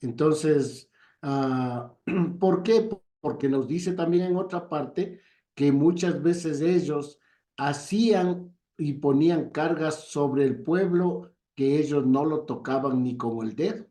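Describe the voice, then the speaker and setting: A man in a Bible study giving a measured, deliberate comment. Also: fairly high pitch, dark tone. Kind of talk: slow reflective comment. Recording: echoey room.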